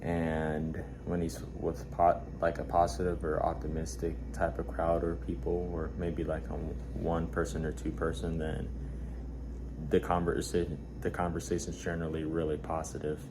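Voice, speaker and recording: Man, very low voice, flat intonation, stuffed nose, halting casual rambling, noisy warehouse ambience. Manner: halting, hesitant delivery with repeated words and pauses. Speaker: vlogger. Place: warehouse at work.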